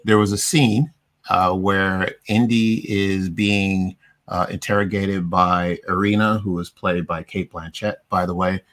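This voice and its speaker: Low-voiced man rambling through a review. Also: level tone, unhurried, fairly bright tone. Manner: rambling, many fillers and restarts. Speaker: podcast host. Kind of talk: casual movie review chat.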